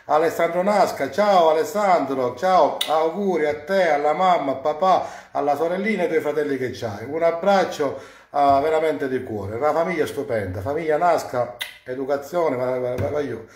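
A man from Sicily hosting a cooking live stream from his home kitchen, warmly greeting viewers one by one and drawing out their names. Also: fairly high pitch, echoey room. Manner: warm, effusive greetings, drawn-out names. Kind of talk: casual live-stream shout-outs.

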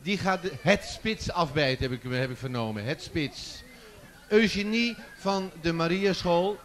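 A man's voice: on the high side, lively intonation, measured pace, fairly bright tone. A man presenting a children's song contest on stage in a large festival tent, joking and teasing the audience into a handheld microphone. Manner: jokey, chatty, teasing the audience. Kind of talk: live stage hosting.

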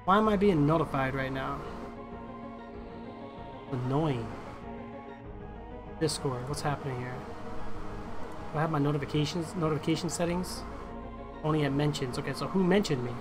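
In his thirties, this man chats casually on a game live stream, slangy and chummy with viewers like a gamer bro. His voice is a little high, his pace moderate with long pauses. He's in an indoor room at a streaming setup, with music in the background.

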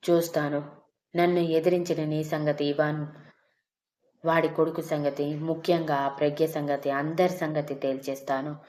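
A vengeful older man, as a woman reads him, menacing and cold in a storybook. The voice is low and flat. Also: normal speed, roomy sound, natural voice. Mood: threatening.

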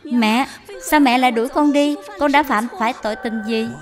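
A woman voicing a gentle, humble young widowed daughter-in-law in a dubbed period drama. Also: high voice, steady tone, moderate pace, natural voice. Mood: pleading. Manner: pleading, soft and humble. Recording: with music behind.

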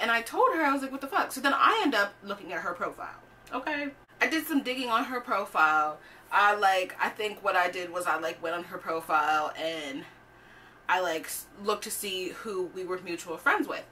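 Young woman vlogger telling a story in an animated, profane, chatty way, with a bright tone, recorded off-mic over faint noise. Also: mid-range voice, moderate pace, recorded from a distance. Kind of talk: storytime vlog.

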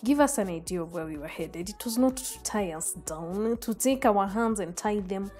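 A woman's voice: medium pitch, normal speed, music in the background. Chatty Kenyan woman vlogger. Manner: chatty, addresses viewers as guys. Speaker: home makeover vlogger. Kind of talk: casual voice-over narration.

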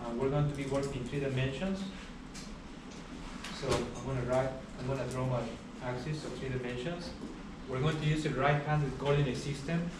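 A man's voice: mid-range voice, normal speed. Man lecturing in an echoey hall. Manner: steady explaining with frequent uh fillers. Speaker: university lecturer. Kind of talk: classroom lecture. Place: large lecture hall, indoors. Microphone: far camera at the back of the room. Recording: echoey hall recorded from far off, background hiss.

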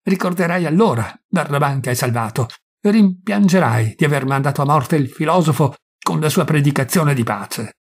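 A man reading aloud and voicing a stern Roman governor who talks slowly and threatens with fierce scorn. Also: a little high, expressive, breathy edge. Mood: furious threat. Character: stern older male Roman governor, weary and menacing.

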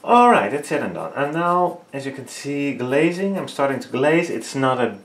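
This painting tutorial host, a man in his thirties whose first languages are Dutch and Frisian, talks in a mid-range, sing-song voice at normal speed with a slightly bright quality. His English carries a Dutch accent and he often hesitates, filling gaps while searching for words. It's a casual vlog recorded in an echoey small home studio as he paints.

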